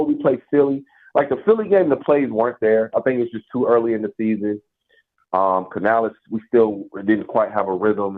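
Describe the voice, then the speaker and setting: Man, radio show caller, tinny phone line, lowish voice, emphatic and frustrated, casual fan talk. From Nashville area, US South. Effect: caller heard over a phone line. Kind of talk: casual call-in sports talk.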